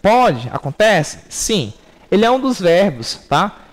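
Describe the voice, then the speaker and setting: Man, Brazilian accent, English teacher, recorded lesson, lively pitch, patient step-by-step explaining. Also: slow. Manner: explains step by step, checks in with frequent "ok?".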